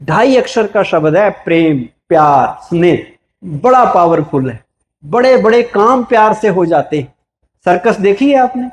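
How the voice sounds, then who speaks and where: High-voiced Indian man giving a spiritual talk. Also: lively intonation, measured pace. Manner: asks the audience questions and answers them himself. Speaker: spiritual speaker. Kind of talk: motivational spiritual talk to a live audience.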